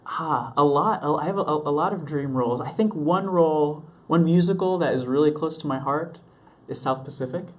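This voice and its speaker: A young Mexican man who acts on Broadway answers questions in a casual interview, eager and earnest, laughing easily. His voice is on the high side, at a moderate pace.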